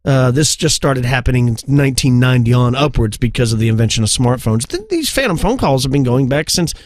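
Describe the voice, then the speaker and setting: A podcast co-host chats casually and tells stories in a conversational way. His medium-pitched voice is animated and brisk. The recording is studio quality with no echo.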